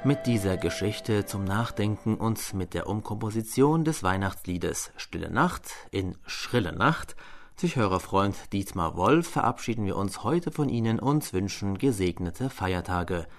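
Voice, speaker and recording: A man reading listener letters and a story on air as a radio presenter, in a measured, formal way. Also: lowish voice, lively intonation, faint music behind.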